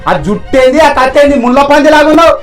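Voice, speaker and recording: A man playing a blunt rural police officer who scolds men roughly and speaks kindly to women. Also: very high-pitched, steady tone, quick pace, soft background music. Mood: scolding. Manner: loud, scolding, rough village talk.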